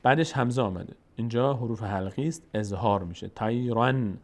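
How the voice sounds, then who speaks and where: Male recitation teacher, drawn-out chanting broken by brisk explanation. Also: on the low side. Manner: alternates drawn-out chanted syllables with quick spoken explanations. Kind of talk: tajweed lesson, spelling out and chanting verses slowly.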